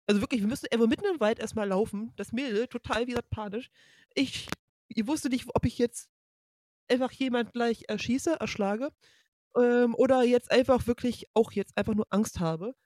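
A woman's voice: mid-range voice, a little mellow, a little hiss or hum. A woman podcast guest telling a dramatic story, acting out quotes and sound effects. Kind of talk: animated storytelling.

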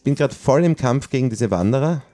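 A middle-aged man chatting casually while playing a video game with his child, easily excited and often searching for words. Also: mid-range voice, fairly quick. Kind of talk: casual gaming chat.

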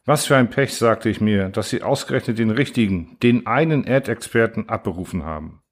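A man reading a novel aloud as first-person narration, in a steady, measured way. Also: fairly low pitch. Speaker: audiobook reader.

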